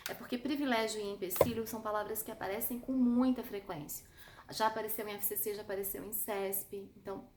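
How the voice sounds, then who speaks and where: A woman with a Brazilian Portuguese accent teaching an online spelling lesson, lively and chatty, calling her students "amor". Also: on the high side, echoey room, a little hiss or hum.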